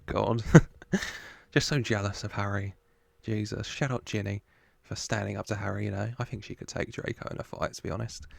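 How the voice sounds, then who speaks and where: A man's voice: on the low side, creaky, no echo. A man giving casual film reaction commentary as host, chatty and amused.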